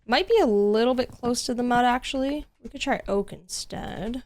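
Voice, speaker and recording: A woman's voice: on the high side, normal speed, a little mellow. A woman streaming a game from home, chatting casually with viewers in a rambling way, full of "like" and "literally". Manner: chatty, rambling, lots of 'like' and 'literally'. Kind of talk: casual livestream chat while gaming. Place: home room.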